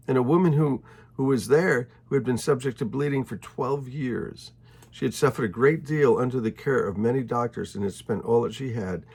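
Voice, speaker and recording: A man's voice: mid-range voice, gravelly, a little mellow, breathy edge. A man reading a Bible passage aloud and retelling it in his own casual words, with asides to listeners. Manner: retells scripture conversationally, dropping to whispers for quoted thoughts. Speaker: Bible teacher. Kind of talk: informal Bible reading with commentary.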